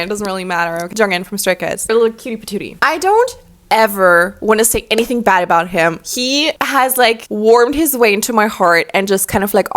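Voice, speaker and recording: A woman's voice: mid-range voice, a bit bright. A woman in her twenties chatting casually and giving frank opinions, with many "like" fillers. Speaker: YouTuber. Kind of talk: casual chat. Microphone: laptop.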